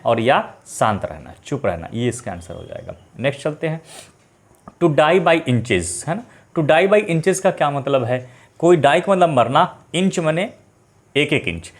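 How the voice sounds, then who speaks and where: Higher-pitched male idioms teacher. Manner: repeats questions to the class, slows to read English phrases. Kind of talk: exam-prep idioms lesson. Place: online live class.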